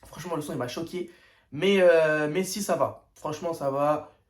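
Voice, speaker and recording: A young man hosts a casual first-listen music reaction, his voice sitting a little high. He talks in loose slang, stalling on fillers and checking in with the listener. The recording carries a noticeable echo from the room. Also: moderate pace. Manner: slangy, hesitant, full of "tu vois" and "euh". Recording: echoey room.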